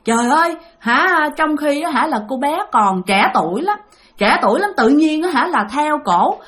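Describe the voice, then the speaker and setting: A woman's voice: sits high, very animated, normal speed, fairly bright tone. A woman voicing a stern older male spirit healer who speaks firmly and scoldingly.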